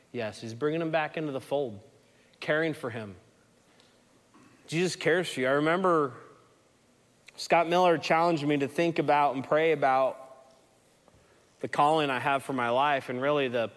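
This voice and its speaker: A man's voice: mid-range voice, fairly bright tone. A man preaching a sermon in an earnest, conversational storytelling way. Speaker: pastor. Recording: long hall reverb.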